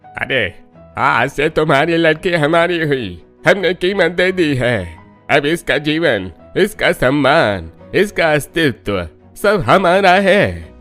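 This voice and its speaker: A man's voice: a little high, very animated, slow pace, fairly bright tone, faint music behind, exaggerated voice. Cruel patriarch father. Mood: arrogant. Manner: gruff, mocking, commanding. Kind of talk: cartoon story voice acting.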